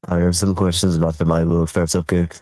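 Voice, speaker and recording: A man calling into an online call, talking through a voice changer that pitches his voice down, in a flat, evasive monotone. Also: fast talker, no echo, clean studio sound. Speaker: caller.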